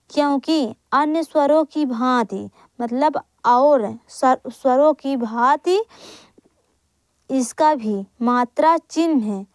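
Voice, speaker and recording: Woman teacher, high voice, slow and repetitive, asks and answers herself, dry close sound. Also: darkish tone, no room sound. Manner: slow, repeats each point and asks then answers her own questions; corrects herself aloud with quick apologies. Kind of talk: exam-prep Hindi grammar lesson.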